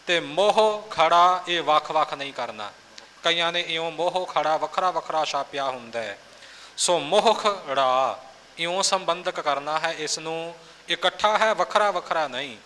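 A man's voice: on the high side, bright, forceful tone, a little hiss or hum. Patient man teaching recitation, echoey hall. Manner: patient, explanatory, repeats words to demonstrate. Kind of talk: pronunciation instruction.

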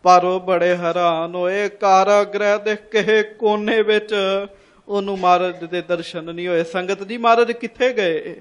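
High-pitched guy preaching a story sermon, keeps repeating lines and asking the crowd questions. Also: flat delivery, normal speed, clean tone. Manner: calls the congregation to respond.

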